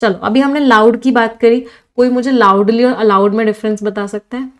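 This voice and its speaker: This woman's voice leans high, with fairly even intonation and a normal speed. She runs a live online vocabulary lesson for exams, mixing Hindi and English, answering her own questions, and reading aloud comments from the live chat.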